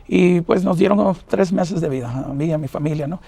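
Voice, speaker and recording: Fast, halting preacher man telling his testimony. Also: on the high side, gravelly, dark tone, dry recording. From New York, of Puerto Rican parents. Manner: earnest, halting, many fillers. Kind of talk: personal testimony in an interview.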